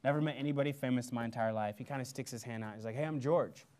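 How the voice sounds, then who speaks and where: A man from Missouri gives a motivational speech to a lecture audience. He tells his story with energy and acts out the quoted lines in lively voices. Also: mid-range voice, rapid-fire, clear, resonant tone. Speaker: guest speaker. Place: lecture hall before an audience.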